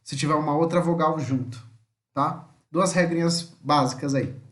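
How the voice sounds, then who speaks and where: A man with a Brazilian Portuguese accent teaching an online language lesson, patiently explaining and often checking in with the listener, slowly spelling out words syllable by syllable. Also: on the high side.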